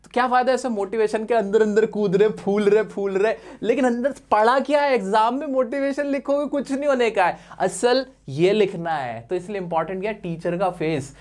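A man's voice: high-pitched, brisk, hardly any pauses. A male teacher giving a live exam revision class, talking in a chatty, teasing way and mixing in English terms.

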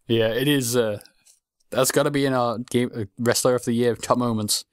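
A man's voice: medium pitch, steady tone, normal speed, clear, resonant tone, no echo. A young man co-hosting a podcast, giving blunt, sarcastic opinions on wrestling and swearing often. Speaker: podcast co-host. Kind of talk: casual wrestling recap chat.

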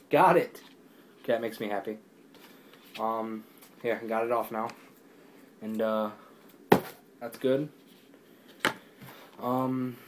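Young man, excitable rambling unboxing chat, middle pitch, faint background hiss. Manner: rambling, excitable, filler-heavy. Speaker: YouTuber reviewing discs.

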